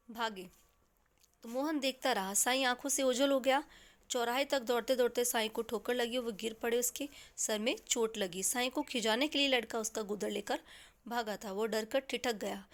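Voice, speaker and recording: Woman teacher explaining a story chapter. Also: fairly high pitch. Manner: retells the story then explains in simpler words. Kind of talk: explaining a textbook chapter to students.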